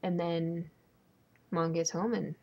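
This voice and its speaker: A woman's voice: lowish voice, flat delivery, slow pace, muffled recording. Young woman ranting in a casual home vlog. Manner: ranting, sarcastic, rambling with many ums. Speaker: vlogger.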